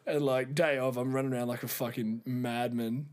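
Young Aussie bloke, podcast co-host, sweary and animated, lots of "like" and "um". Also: male voice, mid-range voice, normal speed. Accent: Australian. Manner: sweary, animated anecdote-telling with lots of fillers. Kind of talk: casual chat, storytelling.

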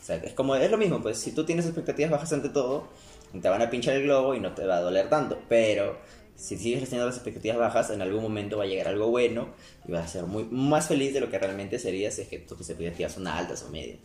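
Fast, lively young man. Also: on the low side. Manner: rambling, restarts sentences often. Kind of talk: casual chat. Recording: roomy sound with faint music.

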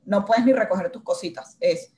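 A woman's voice: medium pitch, normal speed. Woman in her thirties telling her story. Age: 30s. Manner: animated, acts out her own inner dialogue. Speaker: guest, journalist. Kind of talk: conversational interview storytelling.

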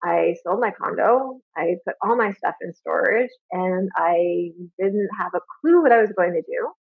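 A woman's voice: lowish voice, lively intonation, moderate pace, gravelly, breathy edge. Woman on a tinny phone line. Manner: candid and reflective, with frequent fillers. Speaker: interview guest. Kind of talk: casual personal storytelling.

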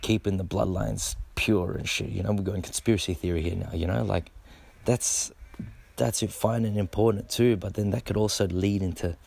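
A man's voice: lowish voice, fairly even intonation, moderate pace, gravelly, darkish tone, husky. A middle-aged man who breakdances, talking to camera in a laid-back, rambling way, swearing freely and repeating words. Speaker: b-boy. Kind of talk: casual monologue to camera.

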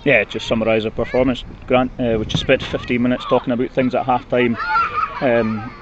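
A Scottish man giving a post-match interview as a football manager, blunt and disappointed, speaking haltingly. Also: mid-range voice, flat delivery. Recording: muffled, noisy outdoor recording with traffic.

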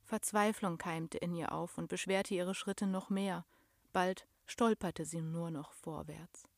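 A woman's voice: lowish voice, creaky, no echo, studio quality. A young adult woman narrating a storybook expressively, sinking to a whisper at tense moments. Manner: expressive, slow, drops to a whisper. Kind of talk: storybook reading.

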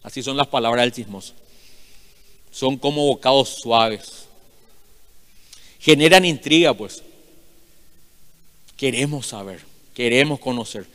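A male pastor, preaching loudly and emphatically, rising and falling in volume. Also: medium pitch, measured pace, pauses often. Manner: loud, emphatic preaching with sudden swells and drops. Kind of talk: sermon. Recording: long hall reverb.

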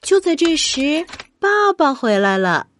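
A woman's voice: high-pitched, unhurried, slight background noise. A woman hosting a children's bedtime story show, narrating expressively as if speaking straight to young listeners. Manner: expressive, addresses children with questions.

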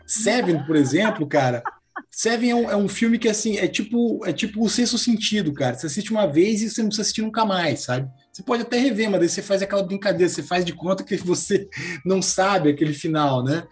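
A man's voice: sits high, expressive, fast talker, faint music behind. A Brazilian man in a casual film debate, arguing a playful contrarian side with loose, chatty hedging. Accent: Brazilian Portuguese.

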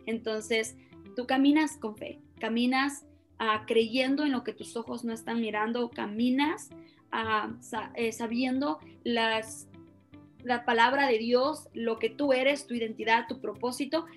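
A young woman from Ecuador in her twenties, a youth pastor, speaking warmly and earnestly as a podcast guest. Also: a little high, steady tone, measured pace, faint music behind. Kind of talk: interview conversation.

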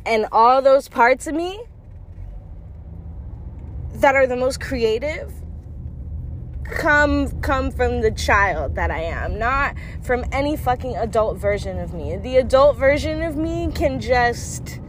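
A woman's voice: on the high side, lively intonation, slow, slight background noise. A young woman talking candidly to her viewers in a blunt, profane, confiding way. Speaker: vlogger. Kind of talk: candid monologue to camera.

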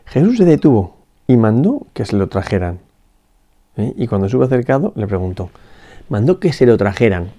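A priest giving a spoken gospel meditation, reflective, pausing often with little questions to the listener. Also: male voice, medium pitch, sing-song, mellow. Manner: reflective, with frequent "¿no?" tags and restarts.

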